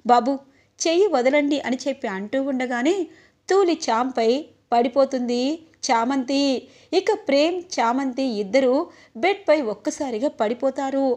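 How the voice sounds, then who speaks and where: A woman recaps a TV serial episode as a storyteller. Her high voice moves briskly through the scenes. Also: darkish tone. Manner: quick storytelling narration. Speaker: narrator.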